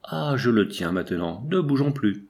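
A man's voice: lowish voice, sing-song, normal speed, a little mellow. A man voicing a stern, busy painter. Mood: impatient. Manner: firm and scolding.

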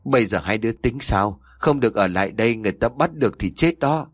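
A man's voice: lowish voice, lively intonation, brisk, no room sound, studio quality. A man reading the lines of an old village father who scolds and pleads with remorse.

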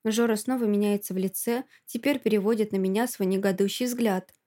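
A woman narrating a first-person story in an expressive audiobook reading. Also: medium pitch, a little fast.

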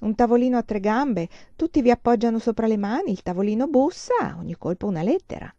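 A woman's voice: on the high side, lively intonation, warm tone, no room sound, pitched above the performer's own voice. A woman reader voicing a solemn, composed young woman student in an audiobook, her voice a little raised, slightly dull lo-fi recording. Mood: persuasive. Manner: grave, measured.

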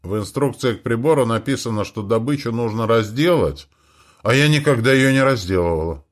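A man's voice: medium pitch, animated, fairly quick, close to an everyday voice. A man voicing a practical, stubborn young woman space traveler who answers bluntly. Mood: uncertain.

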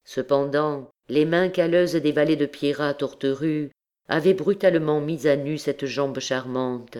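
A woman reading a classic novel aloud as an audiobook, in a measured, solemn way. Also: low-pitched, dark tone. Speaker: audiobook narrator. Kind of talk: scripted literary narration.

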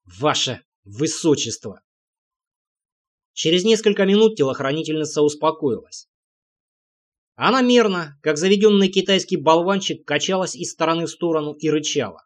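A man tells a medieval fantasy story in the first person, in a measured audiobook reading. His voice sits a little high for a man. He reads the characters' lines himself and only shifts his delivery slightly for them. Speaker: audiobook narrator.

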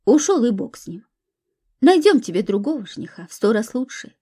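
A woman's voice: a little high, sing-song, fairly quick, dark tone, husky. A woman voicing a caring, protective young woman in a storybook reading, speaking earnestly. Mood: concerned.

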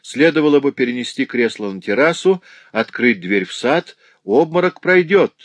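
A man voicing a calm, devoted male doctor who speaks in a reassuring, measured way. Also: mid-range voice, no room sound, voice pushed up, close to an everyday voice.

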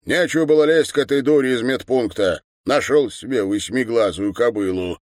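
A man reading an audiobook, voicing a gruff middle-aged father who talks in a blunt, scornful way. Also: mid-range voice, normal speed, a little mellow, no room sound, clean studio sound, voice pushed up, lightly acted.

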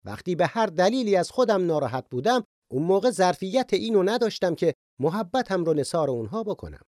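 Man, fairly high voice, earnest and reflective Bible teaching, dry studio mic. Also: big pitch swings, a little mellow, dry recording. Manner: earnest and reflective, shares personal stories. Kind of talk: sermon-style Bible teaching.

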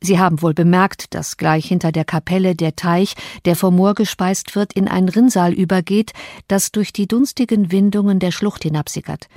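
A woman's voice: fairly low pitch, fairly even intonation, darkish tone, dry recording, clean studio sound. Woman reading a classic novel aloud. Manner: measured, slow on key phrases. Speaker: audiobook narrator. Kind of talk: scripted narration of a classic novel.

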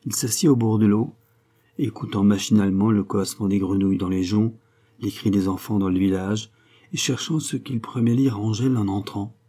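A man narrating a classic novel in a measured, expressive audiobook reading. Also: fairly low pitch.

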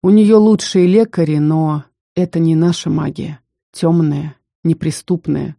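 A narrator plays a stern young male mage in an audiobook, a cold, clipped speaker who keeps a protective edge under a mellow, soft-toned voice. The recording is close and dry. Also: medium pitch, steady tone, creaky, no room sound. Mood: somber. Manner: cold, firm, measured. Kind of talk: audiobook character reading.

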